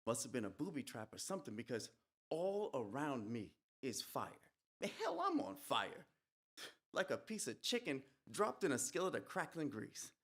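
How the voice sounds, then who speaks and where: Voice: medium pitch, vocal fry, slightly rough, exaggerated voice. A performer playing Junie, the eerie returned soldier. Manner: folksy storytelling with rural dialect, whispered hisses. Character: young male soldier who has come back from death, calm and eerie. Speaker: stage performer. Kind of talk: dramatic monologue. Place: live event at an art museum.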